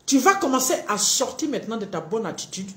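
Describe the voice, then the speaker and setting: A woman relationship coach giving a live-streamed talk, acting out both partners in quick little dialogues. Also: on the high side, big pitch swings, pushed and bright, reverberant.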